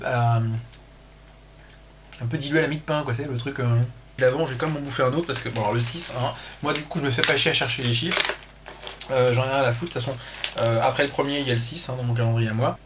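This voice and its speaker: A man's voice: medium pitch, fairly bright tone, slight background noise. A man hosting a casual livestream, rambling and joking crudely, talking into a computer mic. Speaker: livestream host.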